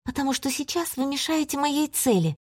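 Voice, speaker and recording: Woman doing a soft-spoken, timid young girl. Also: high voice, lively intonation, a little fast, no room sound, clean studio sound, pitched above the performer's own voice. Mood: quiet firm. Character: quiet, timid young woman with hidden resolve.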